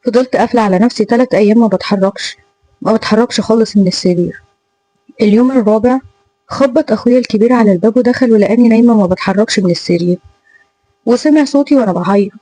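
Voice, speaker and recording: A woman's voice: fairly high pitch, very fast, warm tone, low-quality recording. A woman with an Egyptian accent narrating a painful first-person story in an emotional way. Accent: Egyptian Arabic. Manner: emotional, pained retelling.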